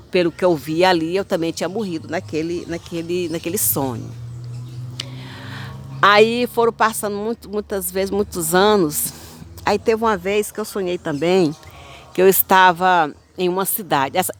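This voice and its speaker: Brazilian woman in her fifties, rambling. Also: fairly low pitch. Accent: Brazilian Portuguese. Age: 50s. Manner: rambling, repetitive, halting storytelling. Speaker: spiritual channel host. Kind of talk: personal testimony of dreams.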